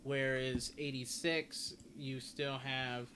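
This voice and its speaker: A gaming video creator talks through a casual, rambling game guide, often repeating and rephrasing himself. His voice is medium-pitched, flat and slow, and there's noticeable background noise in the recording.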